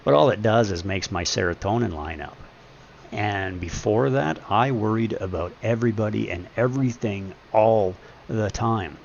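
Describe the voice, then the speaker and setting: Deep, gravelly man in his forties, streamer musing earnestly off the cuff; muffled mic with faint room hum. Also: normal speed. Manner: earnest, rambling, philosophizing. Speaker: live streamer. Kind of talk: casual reflective monologue.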